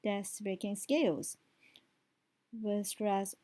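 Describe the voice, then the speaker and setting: Slow-speaking woman teaching English. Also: medium pitch, fairly even intonation, warm tone, rough recording. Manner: explains step by step, often checks with "right?". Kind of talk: spoken language lesson.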